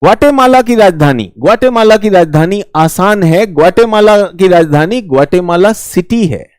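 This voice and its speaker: Indian man, geography teacher, live online class, high voice, smooth and crisp, dry close sound. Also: expressive, normal speed, darkish tone, no echo. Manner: chatty, teasing, repeats key words.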